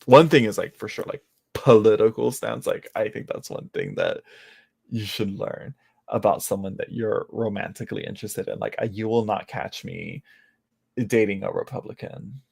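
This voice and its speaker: Late-twenties tarot reader, gravelly and chatty, rambles and restarts a lot, teases himself. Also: male voice, lowish voice, very animated, normal speed, darkish tone. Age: late 20s. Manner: rambling, self-mocking, many restarts. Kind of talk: casual live-stream chat.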